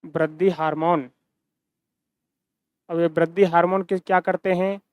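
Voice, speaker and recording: A man's voice: fairly high pitch, little pitch movement, unhurried, clear, resonant tone, dry recording. A man teaching a science lecture, repeating key terms and asking and answering his own questions. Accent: Hindi-speaking Rajasthan region. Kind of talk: recorded classroom-style lecture.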